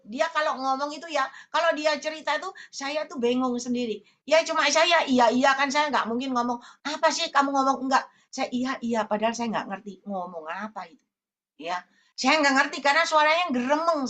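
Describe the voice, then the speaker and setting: A woman evangelist preaching a sermon over a video call, swinging between loud emphasis and low asides. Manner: addresses listeners as brothers and sisters often.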